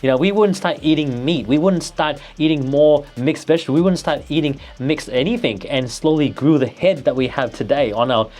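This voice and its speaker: A man's voice: fairly high pitch, fairly quick, few pauses, darkish tone. A man, a nervous vlogger talking casually to camera with many restarts and fillers. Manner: hesitant, restarts and fillers, motivational.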